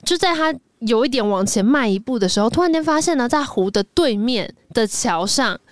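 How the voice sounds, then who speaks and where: A woman's voice: a little high, lively intonation, a little fast, no echo. A woman podcast co-host with a Taiwanese Mandarin accent, casually retelling a drama plot and acting out the characters' lines. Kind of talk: casual storytelling chat.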